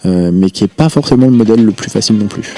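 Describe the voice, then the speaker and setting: A man's voice: fairly low pitch, expressive, fast, warm tone. A man talking as a podcast guest about his path as an entrepreneur, reflective and rambling with frequent hesitations. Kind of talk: casual interview talk.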